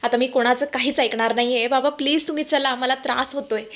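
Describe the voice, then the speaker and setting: A woman's voice: high voice, steady tone, brisk, a bit bright. A woman voicing a proud young wife who is determined to leave, pleading yet firm.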